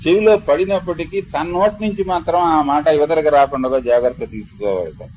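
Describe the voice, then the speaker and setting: An older man with a Telugu accent, a spiritual teacher who chants verses slowly and melodically, then explains them in a discourse. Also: fairly high pitch, a little mellow, slight background noise, low-quality recording. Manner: explanatory storytelling lecture.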